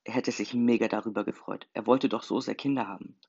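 A man voicing a subdued young woman, the late brother's girlfriend, in a steady, low-key way. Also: fast, creaky, slightly rough, highs cut off.

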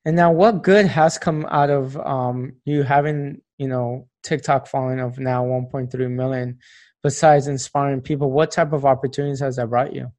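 A man's voice: medium pitch, fairly even intonation, moderate pace, a little mellow. A man interviewing a guest, encouraging her with frequent "mm-hmm" prompts and sums up her points. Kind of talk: interview questions.

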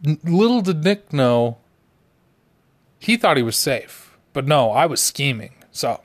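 A man's voice: a little high, sing-song, a little slow. A young man telling a personal story in a laid-back, rambling way, full of "like".

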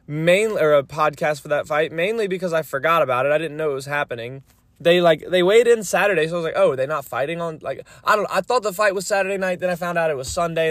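A man with a slightly high voice hosts a loose, rambling solo podcast in an informal way. He talks into a phone in a parked car, so the sound is close and dry, with rain on the car. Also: a bit bright, no room sound. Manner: rambling, informal, mildly profane. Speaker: podcast host. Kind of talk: casual solo podcast chat. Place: inside a parked car on a rainy day. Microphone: phone microphone. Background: rain hitting the car roof.

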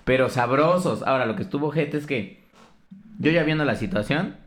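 A man's voice: mid-range voice, expressive, brisk. A man with a Mexican Spanish accent, co-hosting a gaming podcast, telling stories in crude, teasing banter. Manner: profane, teasing, storytelling. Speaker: podcast co-host.

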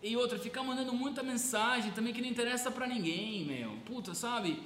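A man's voice: very high-pitched, a little fast, a bit bright. A man co-hosting a casual podcast, laid-back and slangy, full of fillers. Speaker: podcast co-host. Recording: roomy echo with faint background hum.

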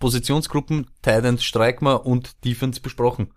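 A man's voice: medium pitch, steady tone, brisk. A man co-hosting a casual fantasy football podcast, rambling and laughing easily. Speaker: podcast co-host.

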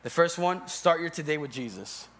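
A man's voice: a little high, expressive, moderate pace. A young man preaching as a church elder in a church, conversational and joking, calling on his congregation. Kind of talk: sermon. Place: church sanctuary.

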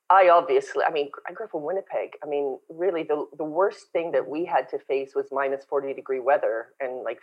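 A woman raised in Canada, a podcast guest and company founder, chatting and telling lively stories over a remote call. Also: sits low, dull audio. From born in South Africa, raised in Canada. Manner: chatty, storytelling, animated. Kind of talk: casual interview chat. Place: home in Brazil, remote call.

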